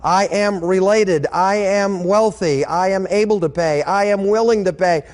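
A man's voice: high voice, measured pace, darkish tone, voice pushed up. Man doing a rich older man, stammering, sheepish, bashful, echoey hall. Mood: earnest.

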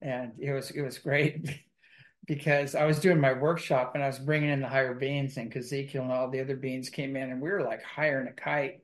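A man in casual conversation telling an animated anecdote, laughing often. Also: medium pitch, brisk. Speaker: workshop leader, guest.

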